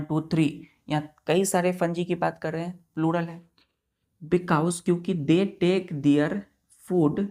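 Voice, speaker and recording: A woman teaching a science class to children, mixing Hindi and English, dictating notes slowly and asking the class questions that she then answers herself. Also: low voice, warm tone.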